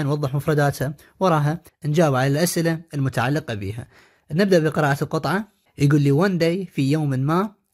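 A man with an Iraqi Arabic accent teaching English in an online lesson, explaining briskly and repeating key words for students. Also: mid-range voice, darkish tone.

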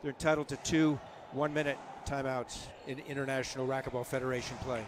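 A man's voice: mid-range voice, flat delivery, fast, noisy background. A man giving live sports commentary in a matter-of-fact, informative way, filling in background and spelling out names.

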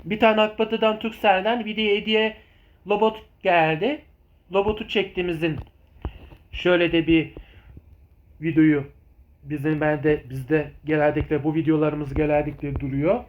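A man giving informal vlog commentary on his videos in a rambling, repetitive, halting way. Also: a little high, steady tone, lo-fi sound. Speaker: video channel host.

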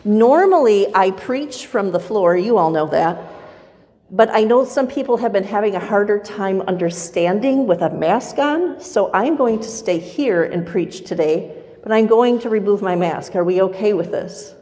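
A middle-aged woman pastor preaching a sermon from a pulpit in a church, in a measured, rhythmic style with much repetition. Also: mid-range voice, animated, dark tone. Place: church sanctuary with pipe organ, far camera. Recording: long church reverb.

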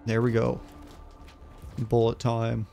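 Gravelly man muttering over his game. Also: medium pitch, monotone, takes it slowly, warm tone, faint music behind. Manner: thinking aloud, muttering to himself. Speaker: streamer playing a game. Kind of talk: casual gameplay commentary.

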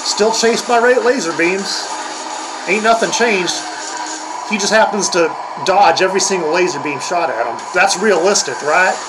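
A man's voice: high-pitched, moderate pace, low-quality recording. An older man hosting a comedic reaction video, grumbling and mocking in a crude, profane way. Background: heavy metal music playing.

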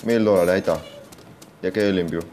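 A young man giving casual gameplay commentary, excitable, swearing often and talking to himself. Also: low-pitched, brisk. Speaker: gaming channel host.

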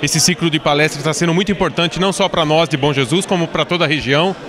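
A man councilor answering an interview in a council chamber, brisk and congratulatory, into a held mic. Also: fairly high pitch. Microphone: handheld mic held by interviewer. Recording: crowd chatter behind.

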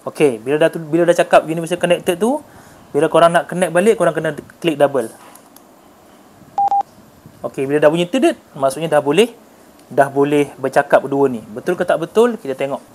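A Malaysian-accented motorcycle gear reviewer talks a little fast, leaving long pauses, in a somewhat high and slightly mellow voice. He gives a casual, hands-on demonstration with English tech terms mixed in, and the room recording is clearly noisy.

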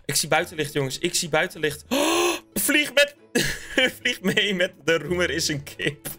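Excitable gaming host, bright high voice, chatty with his viewers, faint music underneath. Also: normal speed. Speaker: gaming YouTuber. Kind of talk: Minecraft let's-play commentary.

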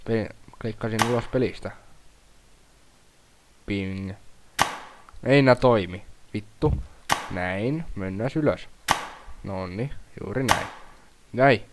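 A young man giving loud, profane let's-play commentary, shouting at the game and laughing at his failures. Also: lowish voice, pauses often, background noise. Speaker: gaming YouTuber.

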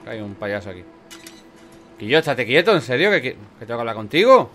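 A man's voice: mid-range voice, very animated, a little fast, fairly bright tone, faint music behind. A man with an accent from Spain giving casual let's play commentary, swearing freely and talking back at game characters. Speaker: gameplay commentator.

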